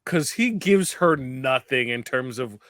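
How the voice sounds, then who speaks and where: A man's voice: medium pitch, animated, a little slow, fairly bright tone, dry recording, clean studio sound. A man co-hosting a podcast, chatting informally and offering opinions on a film. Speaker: podcast co-host. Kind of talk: casual film chat.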